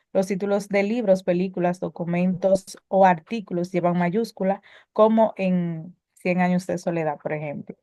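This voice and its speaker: A woman's voice: lowish voice, mellow, dry recording. A woman teaching a spelling lesson, reading prepared explanations with occasional filler sounds and self-corrections.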